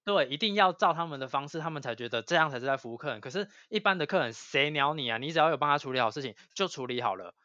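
A man's voice: on the high side, very fast, few pauses, dry recording. Guy ranting on a podcast, swears a lot, dull lo-fi dry sound. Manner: animated, swears freely when venting. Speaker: podcast co-host. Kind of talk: casual chat.

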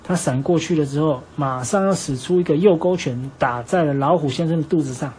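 A man with a Taiwanese Mandarin accent gently improvising a bedtime story for his child and patiently answering questions, recorded on a phone at home. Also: fairly high pitch, a little fast, a little hiss or hum. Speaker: father telling a bedtime story.

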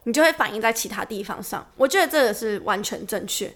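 A young woman, co-hosting a casual podcast chat and telling stories in an animated way with frequent laughs. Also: medium pitch, quick pace. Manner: animated storytelling, laughs often. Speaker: podcast co-host.

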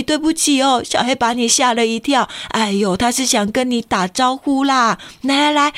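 A woman's voice: high voice, no room sound, close to an everyday voice. A woman playing a fussing, apologetic neighbor auntie.

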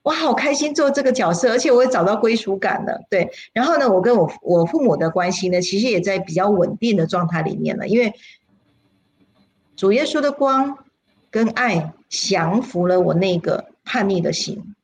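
A woman, a spiritual teacher telling a personal story on a livestream in an animated, dramatic way, her voice leaping up at exciting moments. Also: moderate pace, slight background noise. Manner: animated, dramatic storyteller with sudden pitch leaps.

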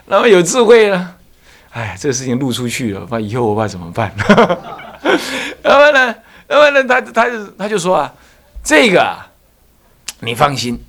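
A Buddhist abbot giving a storytelling dharma lecture, tossing rhetorical questions and slipping into characters' voices. His voice is a bit high for a man and swings very expressively. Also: huge pitch swings, moderate pace, fairly bright tone.

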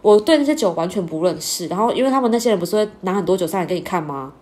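Fast-talking woman telling a story. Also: on the low side. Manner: animated, laughs often, acts out quoted lines. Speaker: podcast host. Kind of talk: casual storytelling chat.

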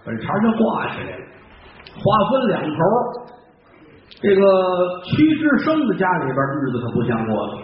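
Guy telling a traditional story live, super lively, far from the mic, dull lo-fi sound with faint noise. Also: high-pitched, normal speed. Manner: lively, conversational, wry asides. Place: stage in a theater. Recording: echoey, distant, dull live stage recording.

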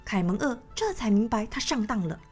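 A woman's voice: fairly high pitch, very animated, a little fast, darkish tone, husky. A woman narrating a children's story in a sing-song manner, speaking to young listeners. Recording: faint background music.

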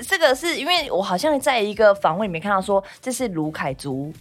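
A woman with a Taiwanese Mandarin accent hosting an interview, curious and teasing in quick reactions. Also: medium pitch, expressive. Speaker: host. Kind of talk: casual interview chat.

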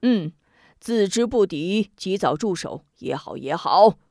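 A woman storyteller voicing a shrewd, lively male emperor who speaks in a commanding yet amused way. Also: mid-range voice, slow, no echo, studio quality. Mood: regal, amused.

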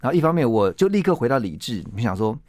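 A man with a Taiwanese Mandarin accent, a guest on a radio interview, telling a story with lively acted-out quotes. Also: mid-range voice, fast, no room sound, studio quality. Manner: animated storyteller who acts out quoted lines.

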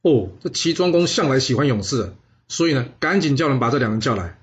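A man narrating a historical story in a lively, dramatic way. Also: medium pitch, fast talker.

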